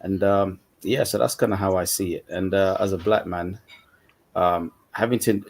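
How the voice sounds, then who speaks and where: Male panel guest, very deep voice, casual and loose delivery. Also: fairly even intonation, moderate pace, vocal fry, darkish tone, slightly rough. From Uganda, then UK. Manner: casual, repeats "you know". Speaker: coach and mentor, panel guest. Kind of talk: online panel discussion. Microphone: video call.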